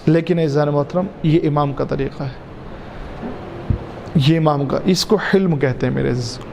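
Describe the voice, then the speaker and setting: A man, a cleric giving a majlis sermon, repeating key phrases in a drawn-out, emphatic way and calling his listeners dear ones. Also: fairly high pitch, vocal fry, background noise. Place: mosque. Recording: reverberant mosque hall, faint ambience.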